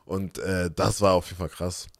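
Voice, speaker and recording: A young man with a fairly low voice tells stories from his own life in a relaxed podcast chat. He brings every scene to life by slipping into the voices of its characters. The recording is dry and close. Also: moderate pace, dry recording. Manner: animated storyteller, acts out quoted voices. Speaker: podcast co-host. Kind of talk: casual storytelling chat.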